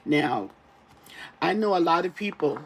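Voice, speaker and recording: A tarot reader talking casually to camera while getting over an illness, halting and repetitive, often tagging phrases with a questioning check-in. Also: mid-range voice, lively intonation, background noise. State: recovering from an ear infection. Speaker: tarot reader, channel host.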